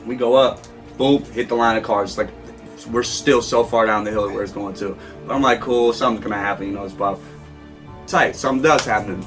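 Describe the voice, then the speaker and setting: A man in casual conversation telling a long, animated story as a guest, often breaking into laughter. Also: lowish voice, fairly quick, music in the background.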